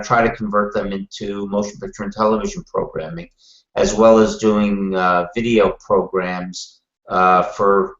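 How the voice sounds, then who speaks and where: Deep-voiced older man with a Brooklyn accent. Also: a bit bright. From Brooklyn, New York, USA. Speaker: guest, television producer. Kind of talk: conversational interview answers. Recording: roomy, slightly muffled call audio.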